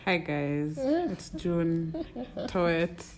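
A woman with a Kenyan accent talks casually and thoughtfully in a low voice. She goes slowly, pausing to search for words. There is faint noise behind her. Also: steady tone, mellow. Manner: halting, searching for words, mixes in Swahili. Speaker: podcast co-host or guest. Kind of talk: casual, reflective conversation.

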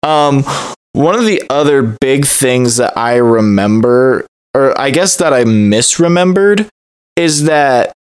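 A man hosting a podcast, chatting casually in an animated, jokey way. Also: mid-range voice, slow, smooth. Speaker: podcast host and editor. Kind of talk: casual chat.

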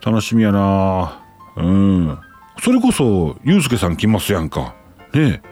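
A man's voice: deep voice, big pitch swings, unhurried, dark tone, faint music behind. A man with a Kansai accent hosting a casual talk show, reading listener letters aloud and chatting about them with his own asides. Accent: Kansai Japanese. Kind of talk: casual chat.

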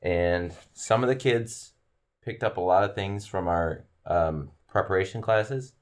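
Deep-voiced laid-back male coach. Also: measured pace. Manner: easygoing, laughs often. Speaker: podcast co-host and coach. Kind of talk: casual chat.

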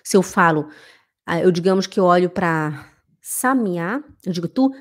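A Brazilian woman with a Carioca accent, teaching German pronunciation in a live online lesson and acting out little dialogues while slowly repeating words for practice. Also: fairly low pitch. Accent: Brazilian Portuguese, Carioca. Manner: animated, drills words by repeating them slowly.

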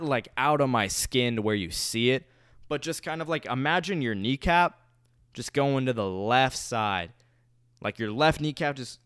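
A young man tells a story in a loose, rambling way, full of filler words and casual swearing. His voice is smooth and clear, in a middle register. The sound is close and dry, with no room echo. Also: mid-range voice. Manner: rambling, animated, swears freely, many "like" fillers.

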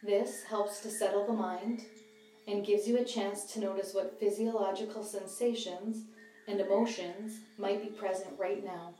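A female meditation guide speaks in calm, measured phrases with a soft, mellow mid-range voice. She's a little away from the mic, giving a roomy sound, with music playing behind her.

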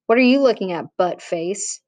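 A woman voicing a taunting middle-school boy bully who talks loud and mocking. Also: mid-range voice, lively intonation, normal speed, no room sound, natural voice. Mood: scornful.

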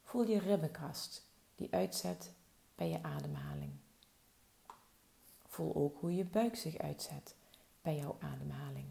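A woman guiding a slow body-relaxation meditation with soft, soothing instructions. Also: low-pitched, vocal fry. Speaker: relaxation guide.

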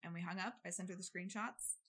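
A chatty woman with a slightly low, bright voice. She tells her side of a story in casual chat, with many fillers and quotes of her own words. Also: steady tone, quick pace, husky.

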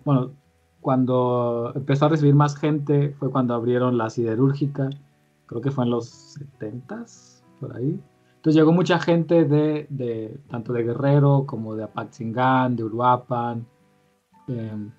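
A man from Michoacán, Mexico, chatting casually and telling animated anecdotes. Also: mid-range voice, highs cut off. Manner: animated storyteller, quotes others. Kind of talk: casual podcast chat.

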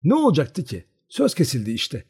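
A man's voice: fairly high pitch, wildly swooping pitch, moderate pace, a little mellow, husky, voice pushed up, heavily acted. A man reading aloud, voicing a shy but proud young peasant girl who answers her friend stubbornly. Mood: confiding.

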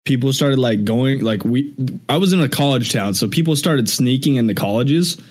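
A young man, a rapper and streamer from Washington State in the US, appears as a guest on a video call for a relaxed chat. He swears freely and laughs often, his medium-pitched voice expressive, slightly mellow, and moderately paced.

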